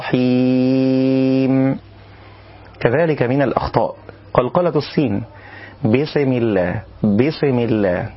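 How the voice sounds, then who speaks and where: Male tajweed teacher, measured explanation with slow melodic demos, slightly dull recording. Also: mid-range voice, breathy edge. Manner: explains calmly, then demonstrates recitation slowly and melodiously. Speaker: Quran recitation teacher. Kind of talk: tajweed lesson.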